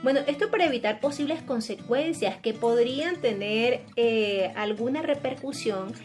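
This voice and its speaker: A woman's voice: fairly high pitch, moderate pace, soft background music. A woman speech therapist giving a patient explanatory lesson and speaking directly to parents. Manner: patient, addresses parents directly, asks "¿sí?" to check understanding. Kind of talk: educational explainer.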